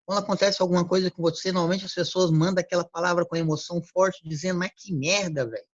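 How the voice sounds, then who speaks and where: A man giving a motivational talk on word choice, acting out quick everyday exchanges. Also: high-pitched, level tone, no echo. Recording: dull lo-fi recording.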